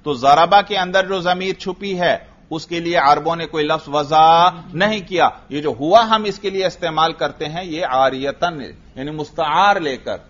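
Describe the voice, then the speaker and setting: A man's voice: on the high side, normal speed, hardly any pauses, fairly bright tone, highs cut off. Man teaching grammar with a Pakistani Urdu accent. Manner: explains patiently, asks the class questions and answers them himself. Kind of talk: classroom grammar lecture.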